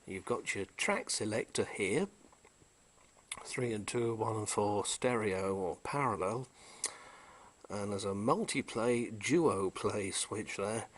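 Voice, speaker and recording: A vintage electronics restorer with a fairly deep voice walks through an old device in a relaxed, hands-on demonstration. Unhurried and technical, he shows each part in turn and often pauses with an "uh."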